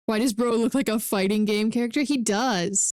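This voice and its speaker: A woman's voice: fairly high pitch, normal speed, a little mellow, no room sound. A woman giving casual, joking commentary as she plays a video game. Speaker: game streamer.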